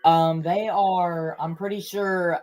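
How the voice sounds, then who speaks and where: A young man co-hosting a podcast, casually reacting out loud to a sports broadcast and blurting out results. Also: sits high, steady tone, takes it slowly, rough recording. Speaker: podcast co-host.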